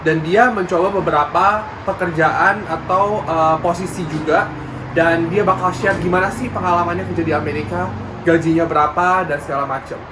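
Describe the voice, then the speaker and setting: A man's voice: a little high, steady tone, normal speed. A man from Indonesia hosting a casual interview, dropping English phrases into his talk. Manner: mixes English phrases, brief acknowledgements. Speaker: host. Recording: audible background noise.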